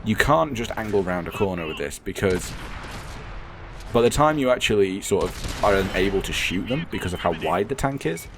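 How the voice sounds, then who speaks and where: A man with a croaky, hoarse and very deep voice commentates on gameplay casually at normal speed with lively intonation. He rambles, corrects himself now and then, and offers blunt, unfiltered opinions. Gunfire and engine sounds come through clearly behind him.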